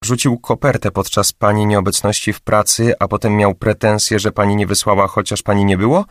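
A man voicing a calm, shrewd female detective who asks probing questions, for an audiobook. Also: on the low side, a little fast, no echo, clean studio sound, close to an everyday voice.

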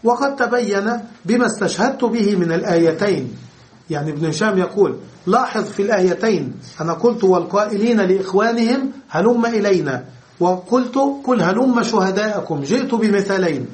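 A man lecturing on grammar in a fairly high voice. He goes over each term again in other words and checks that his listeners follow. His delivery is patient and explanatory. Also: expressive, a little fast. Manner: repeats and rephrases terms to explain them, checks understanding. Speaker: Arabic grammar teacher.

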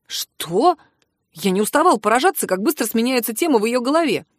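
Woman narrating a lively audiobook. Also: fairly high pitch, fast, dry recording, clean studio sound. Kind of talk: scripted narration.

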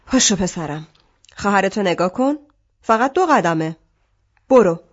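A woman reading an audiobook, voicing a harsh, worn-out mother of a toddler in a scolding, shouting manner. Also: medium pitch, expressive, highs cut off, natural voice. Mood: urging.

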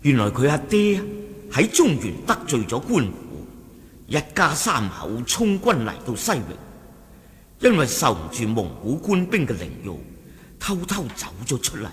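In a martial-arts radio drama, a sect lieutenant with a Cantonese accent reports to his chief, wary, respectful and deferential, in a grave mood. He speaks at a measured pace with huge, dramatic pitch swings, storytelling and breaking into emphatic exclamations amid long hall reverb.

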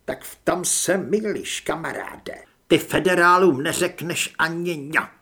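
Man doing a scheming chubby occult guy, fanatic, a bit high and husky. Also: animated, fairly bright tone. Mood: menacing. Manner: whining and pleading when scared.

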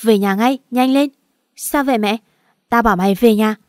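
A woman's voice: medium pitch, brisk, dry recording, studio quality, close to an everyday voice. A woman voicing an older mother who scolds her daughter and breaks into sobs. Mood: scolding.

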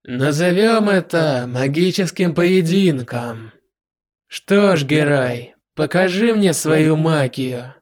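A man voicing a smug, menacing male demon lord with a dry voice, speaking slowly and in a drawn-out way. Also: fairly high pitch. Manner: slow, drawn-out, self-satisfied delivery.

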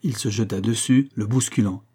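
A man reading a novel aloud as an audiobook, in steady storytelling narration that lifts for the spoken lines. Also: lowish voice, moderate pace, slightly rough. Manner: steady storytelling, raising voice for dialogue. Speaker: audiobook reader. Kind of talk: scripted narration.

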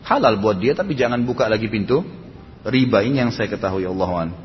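A man's voice: animated, quick pace. Preacher man in an echoey hall. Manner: rhetorical questions, emphatic scolding asides. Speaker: Islamic preacher answering questions. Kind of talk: religious Q&A lecture. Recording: dull echoey hall with faint rumble.

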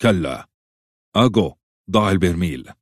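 Guy doing a stern knight, super low and husky, short sharp orders. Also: expressive, quick pace, no echo, clean studio sound. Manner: curt, sharp commands. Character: stern, protective older male knight, curt and gruff.

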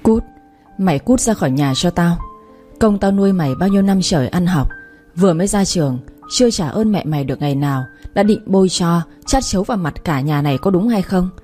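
A woman's voice: lowish voice, animated, fairly quick, dark tone, faint music behind, close to an everyday voice. A woman voicing a distraught middle-aged village mother. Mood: furious. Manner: scolding, then pleading.

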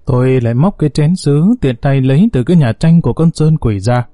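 A man narrating a first-person story in a steady, unhurried way as the storyteller of an audio series. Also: mid-range voice, no room sound, studio quality.

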